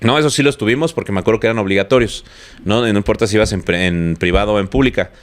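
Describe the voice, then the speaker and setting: A man's voice: on the low side, rapid-fire. A young Mexican man co-hosting a podcast, chatting casually with a posh, slangy way of talking. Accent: Mexican Spanish. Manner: relaxed, slangy, says he talks posh. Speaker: podcast co-host. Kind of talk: casual chat.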